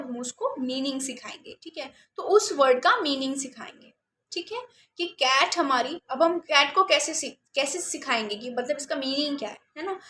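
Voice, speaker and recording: A woman's voice: high voice, fairly bright tone, roomy sound, slight background noise. A woman, a special educator explaining reading steps in a patient teaching talk, often checking in with her listeners.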